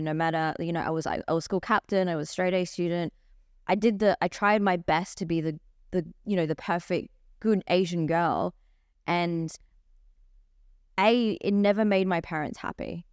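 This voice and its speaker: A woman's voice: fairly low pitch, clean tone, no echo, clean studio sound. A young woman, a coach telling her story openly in a podcast interview. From Australia. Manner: open, animated storytelling. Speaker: life coach guest.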